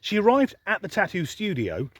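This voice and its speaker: Here's a high-pitched English voice whose pitch swoops wildly, breathy at the edges and moving at normal speed, with no room sound at all. He's vlogging to a handheld camera pointed at himself, grumbling through a sardonic monologue laced with dry, sweary humor.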